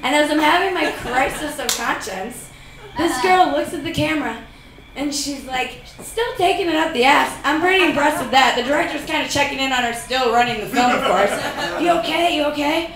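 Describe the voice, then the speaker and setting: A young woman speaks briskly in a high-pitched voice during a profane stand-up set at a comedy club, laughing through her punchlines for the live audience. The recording is echoey, with a distant mic and audience noise.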